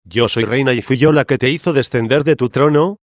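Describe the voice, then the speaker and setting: Audiobook: a man voicing the Church as a stern queenly woman, mid-pitched, solemn and reproving, dry close mic. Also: fairly quick, no room sound, lightly acted. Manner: solemn, reproving debate reading. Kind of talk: audiobook reading of a theological dialogue.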